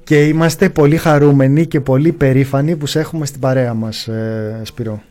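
A man hosting a casual radio talk show, playful and quick to laugh. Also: medium pitch, fairly even intonation, mellow. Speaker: radio host.

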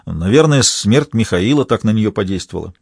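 A sullen, firm-spoken man of the house, gruff and short with everyone, his tone husky and low-key, as a male audiobook reader puts him on. Dry, close sound. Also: animated, a little fast, darkish tone, no room sound, exaggerated voice. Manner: gloomy, curt, firm.

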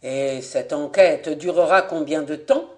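A proud middle-aged French aviator protests his arrest, voiced by an audiobook reader. His voice sits a little lower and louder than the narration, firm and declaiming. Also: a little slow, natural voice. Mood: indignant. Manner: forceful, declaiming.

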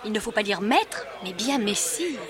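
A woman's voice: mid-range voice, expressive, normal speed, some chatter behind, natural voice. An actress playing a bossy, teasing young townswoman in costume drama dialogue.

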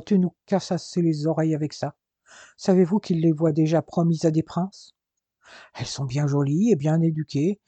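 A narrator voicing a brisk, teasing innkeeper's wife who scolds her husband, in a dull lo-fi recording. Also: mid-range voice, warm tone, husky, no room sound, natural voice.

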